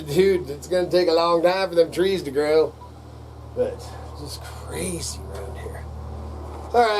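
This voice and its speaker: An older man with a rural American accent goes on a casual, rowdy redneck rant. His voice is gravelly and a touch high, with salty, folksy phrasing. There is steady background noise behind him. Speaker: vlogger. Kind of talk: casual off-the-cuff rant to camera.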